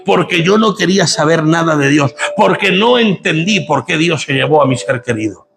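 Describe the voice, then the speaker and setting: Man, pastor, sermon, gravelly, fairly high voice, music underneath. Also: expressive, normal speed, background noise. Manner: preaching with rising intensity and rhetorical questions.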